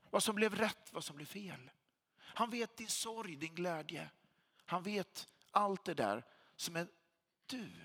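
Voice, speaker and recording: A man delivers a sermon with a bright, slightly raised voice that rises and falls in wide, animated swings. His tone is a little husky, and he leans on repetition to drive points home. The sound carries a long hall reverb, as in a church. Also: high voice. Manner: emphatic preacher, repeats phrases for weight. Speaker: pastor.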